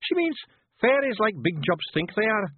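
Guy doing a squeaky eager little fairy, tinny sound. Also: very animated, moderate pace, no echo. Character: small knowing male Scottish fairy. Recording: dry tinny phone-like sound.

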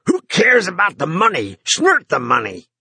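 A man voicing a frantic, short-tempered businessman who speaks hoarsely and out of breath. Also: high voice, huge pitch swings, normal speed, bright, forceful tone, no echo, voice pushed up, full character voice. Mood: frantic, angry.

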